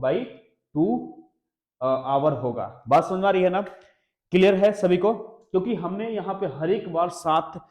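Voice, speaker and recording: Guy teaching exam maths, bit high voice, keeps asking "clear?", echoey classroom sound. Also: darkish tone. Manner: explains step by step, keeps asking the class questions. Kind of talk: exam-prep maths lesson. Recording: echoey room.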